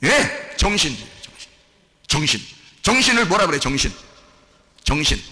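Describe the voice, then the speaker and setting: Animated high-voiced preacher in echoey hall. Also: male voice, moderate pace. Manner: animated, asks the congregation questions, mixes casual and polite speech. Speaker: pastor. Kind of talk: sermon. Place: church sanctuary.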